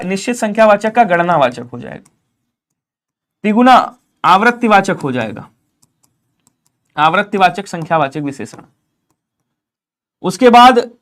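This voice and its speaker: A man with a high-pitched voice runs a live online exam-prep class. He keeps pressing viewers to comment fast and voices the students' answers himself. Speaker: Hindi teacher.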